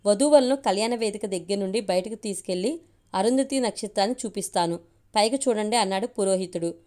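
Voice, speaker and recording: A woman's voice: medium pitch, a little mellow. A woman with a Telugu accent narrating a family story aloud, voicing the dialogue herself.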